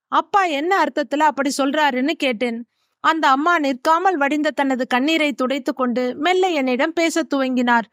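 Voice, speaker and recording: Woman storyteller with a high voice, earnest and reflective, recorded dry. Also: a bit bright, dry recording. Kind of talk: emotional first-person story narration.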